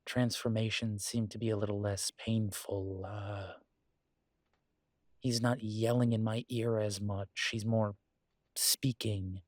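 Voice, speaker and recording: In an intimate audio roleplay, a man voices a conflicted, protective werewolf pack leader, speaking hesitantly and reflectively with halting pauses. His pitch is fairly low and his delivery flat. The studio-quality recording has no room sound.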